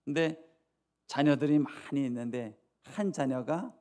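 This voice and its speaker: A man's voice: medium pitch, measured pace, mellow. A pastor preaching a sermon, in earnest, with his voice climbing sharply whenever he quotes someone.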